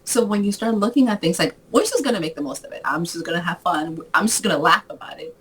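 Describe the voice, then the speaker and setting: A woman in her forties, originally from the Dominican Republic, talks casually as a guest over a video call. Her voice sits low for a woman and has a husky grain. She tells stories with lively energy and laughs often. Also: quick pace, poor audio. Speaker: author guest. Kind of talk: casual interview chat.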